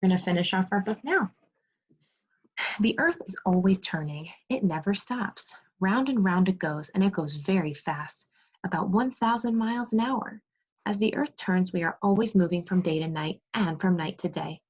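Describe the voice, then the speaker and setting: A second grade teacher reads aloud to young children, explaining as she goes, asking questions, and praising her pupils. Her mid-range voice is slightly rough, with lively intonation at a normal speed. The recording has a dull, lo-fi sound.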